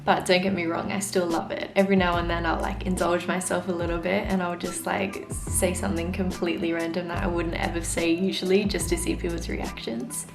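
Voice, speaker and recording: A woman's voice: fairly low pitch, flat delivery, fairly quick, hardly any pauses. A young woman with a posh Australian accent, chatting in an exasperated, comedic vlog rant and mimicking what others say. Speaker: vlogger. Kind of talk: casual comedic rant to camera. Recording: roomy echo with clear background music. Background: music.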